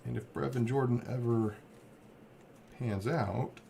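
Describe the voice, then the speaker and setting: A man's voice: medium pitch, slow pace, creaky, mellow. A man hosting a card break, casually rambling as he reads off player names. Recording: faint background noise.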